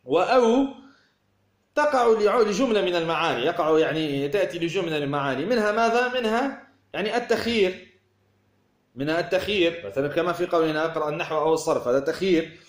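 A man's voice: a little high, animated, fast talker. A man teaching a grammar lesson, explaining with worked examples and asking the class rhetorical questions. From Tunisia. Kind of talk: classroom lecture. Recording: echoey room.

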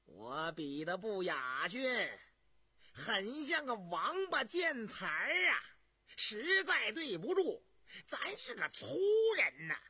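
A man voicing a brash, coarse young male prince who taunts loudly and sneers at his brothers. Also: high-pitched, wildly swooping pitch, takes it slowly, husky, no room sound, pitched above the performer's own voice, full character voice. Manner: loud, sneering, boisterous.

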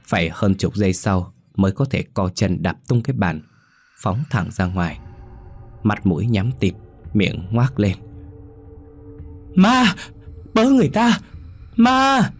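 Deep-voiced man narrating a ghost story. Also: moderate pace, a little mellow, faint music behind.

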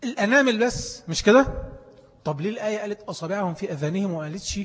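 A man quick Egyptian teacher in a reverberant hall. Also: sits high, animated. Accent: Egyptian Arabic. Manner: quizzes listeners, then answers his own questions. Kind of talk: classroom lesson.

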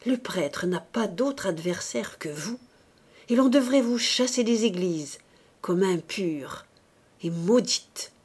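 A woman's voice: medium pitch, animated, takes it slowly, a little mellow. A woman voicing a stern, contemptuous priest who speaks in harsh, scornful declamation in a read-aloud novel.

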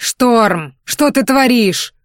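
A woman reading an audiobook, voicing a furious male ship captain who yells frantically. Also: mid-range voice, unhurried, dry recording, clean studio sound, natural voice. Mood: yelling. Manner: yelling, frantic.

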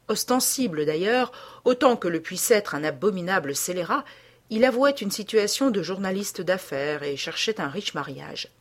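A woman reading a literary story aloud in a measured storytelling manner. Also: on the low side. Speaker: audiobook narrator.

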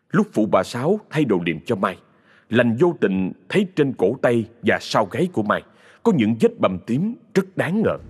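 A male storyteller with a Southern Vietnamese accent reads a ghost story dramatically. His pitch moves widely through each sentence. Faint music plays under him.

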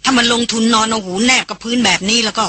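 A reader doing a grave elder brother, quiet, firm, husky. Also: fairly even intonation, racing. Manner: low, quiet, earnest.

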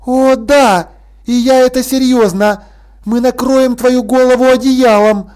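A man's voice: extremely high pitch, steady tone, a little slow, a little mellow, clear, resonant tone, pitched above the performer's own voice. A man voicing a stern, unflappable young governess in an audiobook, dry and firmly threatening. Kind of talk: audiobook character voice.

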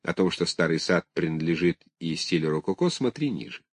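Low-voiced man reading a scholarly book. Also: expressive, a little fast, dry recording, clean studio sound. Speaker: audiobook narrator. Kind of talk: reading a scholarly text aloud.

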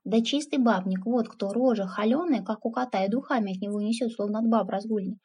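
A woman's voice: a little high, brisk, darkish tone, breathy edge. Woman voicing a scolding older village aunt. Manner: scolding, mocking, folksy.

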